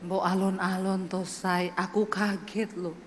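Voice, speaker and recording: Woman doing a gentle Javanese husband, soft lowered voice, slow, faint music behind. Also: flat delivery, in a large hall, close to an everyday voice. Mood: gently chiding.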